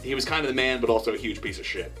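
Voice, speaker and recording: A man's voice: medium pitch, racing, music in the background. A man in his thirties co-hosting a casual podcast, laid-back, swearing freely, crude jokes. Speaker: podcast co-host. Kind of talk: casual chat.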